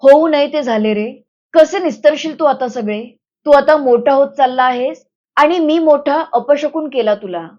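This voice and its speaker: A frightened young village woman pleads in worried, anxious tones, voiced by a woman reading a novel aloud. The voice is high and close to the reader's own. The recording has a slightly dull, lo-fi sound. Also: moderate pace, darkish tone, close to an everyday voice. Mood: distressed.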